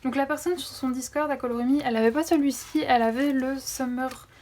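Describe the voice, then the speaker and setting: A woman's voice: sits high, fairly even intonation, quick pace, a little mellow. A young woman chatting enthusiastically through a coloring book haul, with many fillers. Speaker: coloring vlogger. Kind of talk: casual haul vlog. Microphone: phone camera.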